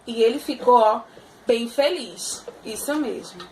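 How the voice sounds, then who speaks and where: High-voiced woman telling a kids' story. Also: unhurried, slight background noise. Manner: animated, checks in with listeners. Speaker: teacher. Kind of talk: storytelling for small children.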